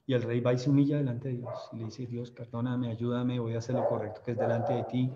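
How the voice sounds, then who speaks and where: A man's voice: medium pitch, little pitch movement, fast talker, mellow, lo-fi sound, slight background noise. Colombian man leading a Bible study. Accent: Colombian Spanish. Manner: conversational teacher who checks in with listeners; mimics laughter when retelling stories. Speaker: youth Bible study leader. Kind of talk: reading scripture aloud and explaining it.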